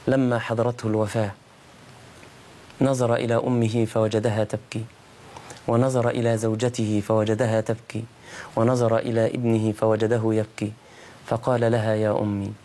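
Fervent Egyptian preacher. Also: male voice, dark tone. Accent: Egyptian Arabic. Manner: climbs to high fervent pitch in emotional passages. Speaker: preacher hosting a call-in show. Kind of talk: impassioned sermon.

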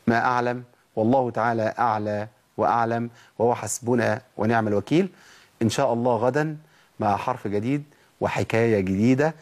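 A man with an Egyptian accent teaching Quran recitation, slowly repeating letter sounds to model correct and wrong pronunciation. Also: medium pitch. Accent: Egyptian Arabic. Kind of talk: tajweed lesson, demonstrating letter sounds.

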